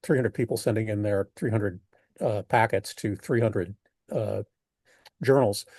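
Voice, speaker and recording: Older American man, mellow and halting. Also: on the low side, no echo, studio quality. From United States. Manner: halting, thoughtful, rephrases mid-sentence. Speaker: poet being interviewed. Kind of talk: reflective interview talk.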